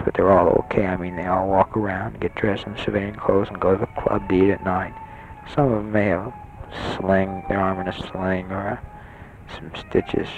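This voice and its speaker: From his hospital bed, a young man speaks in a low, creaky voice, quietly rambling with many fillers as he records a personal letter home. A portable tape recorder mic held close makes it dull and lo-fi, and other patients can be heard talking in the ward.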